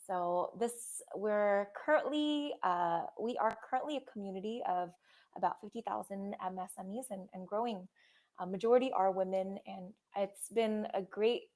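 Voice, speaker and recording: A young woman speaks as a podcast guest in an easy, conversational way. She is friendly and relaxed, with frequent ums and a light laugh now and then. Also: mid-range voice. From Indonesia. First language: Indonesian. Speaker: guest, startup founder. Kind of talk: casual interview conversation.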